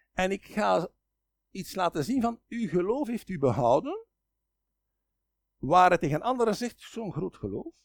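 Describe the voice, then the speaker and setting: Flemish male preacher, high gravelly voice, very lively delivery, dry close sound. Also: no echo. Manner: animated, dramatizes quoted speech with sudden loud and soft turns. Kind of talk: sermon.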